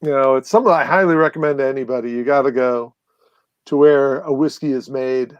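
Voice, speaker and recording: Man, guest, mid pitch, rambling anecdotal chat, dry close sound. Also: brisk, clean tone, no room sound, dull audio. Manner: rambling, animated, many fillers and restarts. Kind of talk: casual storytelling chat.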